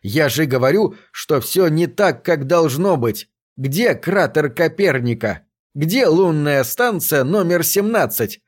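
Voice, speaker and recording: A man's voice: fairly high pitch, lively intonation, takes it slowly, voice pushed up. A man voicing a meek, bewildered work robot in an audiobook, speaking in a plaintive, aggrieved way. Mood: upset, insistent. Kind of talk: audiobook reading of a science fiction story.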